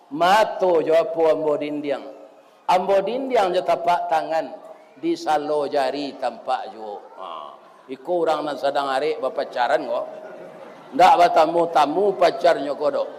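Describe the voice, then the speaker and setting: A man's voice: a little high, unhurried, a little mellow, a little hiss or hum. A middle-aged man with a Minangkabau accent preaching a folksy village mosque sermon, calling his listeners "Pak", chanting verses and reciting rhymes. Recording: long echo of a mosque hall.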